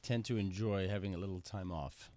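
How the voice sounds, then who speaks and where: A man's voice: sits low, steady tone, fairly quick, dark tone. A man hosting a radio interview, asking long rambling questions. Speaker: radio show host. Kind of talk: casual interview talk. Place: radio studio. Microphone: studio mic.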